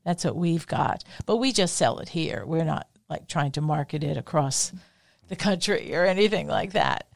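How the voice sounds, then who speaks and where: Southern woman, fairly low voice, podcast host, explains at length, dry close sound. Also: lively intonation, moderate pace, creaky, no room sound. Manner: engaged, explains at length, frequent affirmations. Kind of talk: conversational interview.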